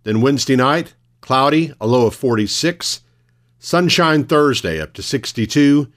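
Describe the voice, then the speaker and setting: A man reads local radio news as the host. His delivery is formal and measured, in a mid-pitched voice, like a scripted morning bulletin of announcements. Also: animated, fairly bright tone.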